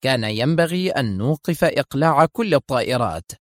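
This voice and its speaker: Angry male agent, forceful, read plainly by a male narrator, dry sound. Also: mid-range voice, expressive, a little fast, no echo, natural voice. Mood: furious. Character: furious male intelligence officer.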